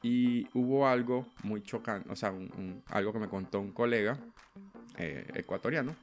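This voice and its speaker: Chatty Venezuelan man, lowish voice. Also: moderate pace, soft background music. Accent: Venezuelan Spanish. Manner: chatty, rambling with many fillers and restarts. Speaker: podcast host. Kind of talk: casual monologue.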